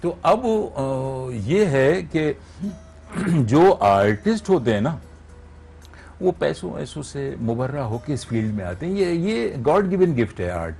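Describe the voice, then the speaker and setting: A man's voice: fairly high pitch, very animated, slow pace, gravelly, darkish tone, slightly rough, soft background music. A man, a radio voice artist, explaining his craft step by step as a guest on a TV morning show and checking that he is understood. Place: TV studio.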